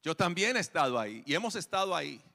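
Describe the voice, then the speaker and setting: A pastor preaching a sermon, whose delivery swings between emphatic raised calls and quiet, hushed stretches. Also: male voice, fairly high pitch, sing-song, fast, vocal fry, big-room sound. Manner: preaching with rising emphatic calls and soft drops.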